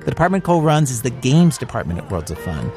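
A male reporter with a mid-pitched voice tells a radio story. His scripted narration is conversational, with faint music underneath. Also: sing-song, quick pace, darkish tone.

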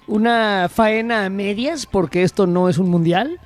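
High-voiced emphatic Mexican panelist. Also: male voice, takes it slowly, soft background music. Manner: emphatic, piles up verbs. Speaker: sports panelist. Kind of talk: casual sports banter.

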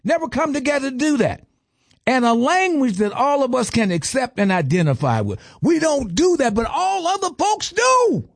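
A man's voice: very high-pitched, sing-song, normal speed, vocal fry, no room sound, clean studio sound. A man giving an impassioned lecture, stressing lists and asking rhetorical questions.

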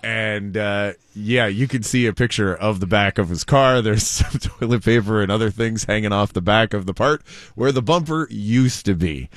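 The clean, echo-free studio audio carries a man's lowish voice at a moderate pace. He's co-hosting a talk show, telling strange news stories casually and with a joking, chatty flair.

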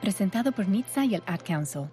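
A woman gives a reassuring public service message at a mid pitch. Music plays clearly under her. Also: animated, brisk, dark tone. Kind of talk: scripted ad narration.

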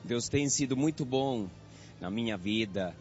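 Venezuelan man, spanish accent, earnest devout testimony, measured delivery, muffled radio sound. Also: medium pitch, expressive, soft background music. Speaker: church member giving testimony. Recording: dull lo-fi radio broadcast.

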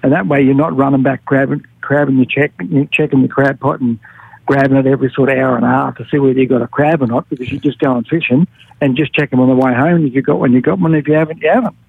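A man's voice: medium pitch, fairly even intonation, quick pace, creaky, breathy edge, no echo. A man giving a laid-back, colloquial fishing report as a radio guest. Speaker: fishing tackle shop expert, radio guest. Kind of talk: casual fishing report chat. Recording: thin phone line on radio.

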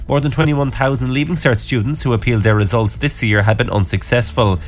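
A man's voice: mid-range voice, steady tone, a little fast. An Irish man reading scripted news headlines on the radio. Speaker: radio newsreader.

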